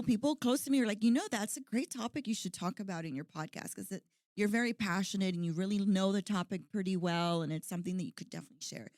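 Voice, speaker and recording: A woman's voice: fairly low pitch, a little mellow, no echo, studio quality. A woman in her forties hosting a podcast, talking in a chatty, earnest way with plenty of "like" and "you know". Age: 40s. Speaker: podcast host. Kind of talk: casual podcast chat.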